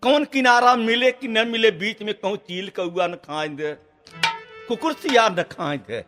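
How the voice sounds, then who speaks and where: Slow high-voiced Bhojpuri storyteller man. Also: a bit bright. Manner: slow, preaching, addresses listeners as friends. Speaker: folk singer and storyteller. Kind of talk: devotional Birha storytelling between sung refrains. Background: faint instrument music.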